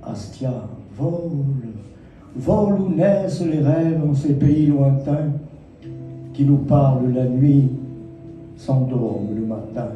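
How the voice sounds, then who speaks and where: A man, a poet, reciting his poems with slow, lyrical phrasing and dramatic pauses, and telling the story behind them. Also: medium pitch, warm tone, lo-fi sound, faint music behind. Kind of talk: poetry recitation with spoken story. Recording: echoey hall from far off.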